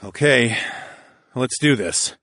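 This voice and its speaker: A man's voice: medium pitch, slow pace, bright, forceful tone, no room sound, clean studio sound. A man voicing a confident, teasing young male hero in an audiobook, casual and wry.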